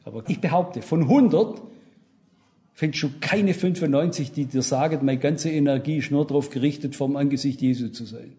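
Man, preacher, high voice, emphatic sermon delivery, direct address. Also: moderate pace, warm tone. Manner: emphatic, rising and dropping for stress, addresses listeners directly.

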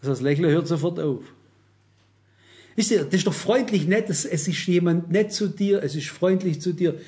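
Older male preacher, fairly high voice, earnest and cautionary, hammers points home by repeating them. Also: normal speed, warm tone. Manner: earnest, warning, repeats phrases for emphasis. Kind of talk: sermon.

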